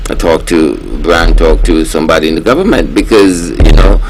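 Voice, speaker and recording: Deep, gravelly Kittitian-Nevisian man, earnest and emphatic. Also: normal speed, noisy background. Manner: earnest, emphatic, repeats words for stress. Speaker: talk programme panellist. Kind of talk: impassioned panel discussion.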